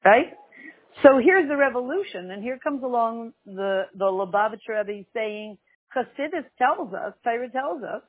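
A woman's voice: on the high side, animated, measured pace, husky, dry recording. An older woman giving an informal religious lesson, conversational and wryly joking, repeating phrases for emphasis. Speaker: religious teacher and class host. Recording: tinny, narrow phone-like sound.

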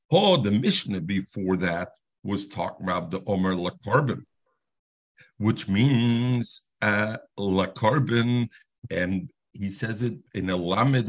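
A man's voice: lowish voice, vocal fry, breathy edge. A man teaching a Talmud lesson in a sing-song learning cadence, weaving Hebrew and Aramaic terms into his English explanation.

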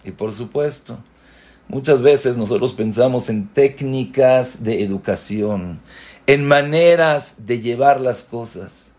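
A man giving a spoken Torah lesson in an earnest way. He asks rhetorical questions, repeats words for emphasis and climbs to emphatic high peaks on key points. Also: slow, a little mellow.

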